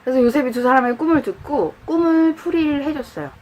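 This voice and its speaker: Woman, youth pastor, storytelling sermon, animated, acts out quotes, church. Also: high-pitched, quick pace, poor audio. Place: church, indoors.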